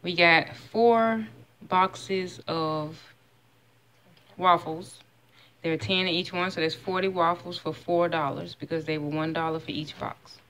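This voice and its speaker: In a lowish, slightly bright voice with a steady tone and slow pace, a thirtysomething vlogger chats at home in her kitchen while presenting groceries one by one and listing their prices. It's recorded indoors on a phone camera held close.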